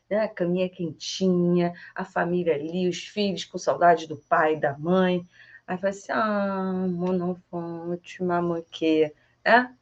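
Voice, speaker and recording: A middle-aged woman from Brazil giving a casual online French lesson, chatty and animated, repeating French phrases slowly and laughing often. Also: fairly low pitch. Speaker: French teacher. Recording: slightly dull lo-fi sound.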